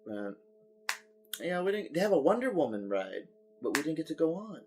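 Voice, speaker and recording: A man's voice: a little high, very animated, normal speed, music in the background. A man co-hosting a casual podcast chat, telling rambling stories full of swearing. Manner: rambling, profane storytelling. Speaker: podcast co-host.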